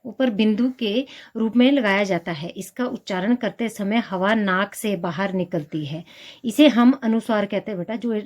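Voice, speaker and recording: A woman's voice: mid-range voice, normal speed, darkish tone. A woman teaching Hindi grammar to students, patiently reciting letters one by one and addressing them as "beta". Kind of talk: classroom lesson.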